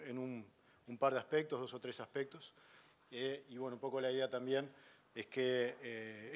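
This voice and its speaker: Man, uruguayan spanish accent, middle-aged, panel moderator, halting delivery with restarts, auditorium, mid pitch. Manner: halting, many restarts and fillers. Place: university auditorium.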